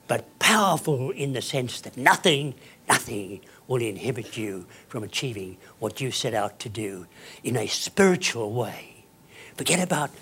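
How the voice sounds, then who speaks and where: Motivational speaker, unhurried, theatrical swings from whisper to shriek, faint background hiss. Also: mid-range voice. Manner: blunt, earthy wording. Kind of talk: motivational speech to a live group. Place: in front of an audience, standing on something raised.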